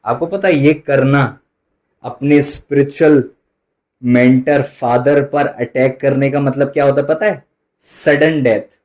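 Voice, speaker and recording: A man preaching a sermon, switching between loud emphatic bursts and quiet dropped asides, slowing right down for quoted lines. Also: mid-range voice, steady tone. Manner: mixes in English phrases and slow drawn-out quotes. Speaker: pastor.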